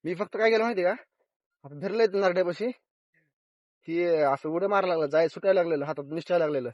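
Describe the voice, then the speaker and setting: A young man, vlogging casually outdoors on a farm, talking excitedly to his viewers as brothers. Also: high-pitched, fast talker, no echo, muffled recording.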